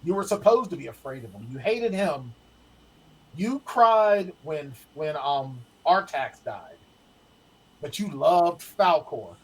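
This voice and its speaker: A middle-aged man telling family stories in a casual, animated way, acting out the quotes. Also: fairly high pitch, slow pace, husky, poor audio. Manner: animated storyteller, acts out quotes. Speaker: guest, the host's father.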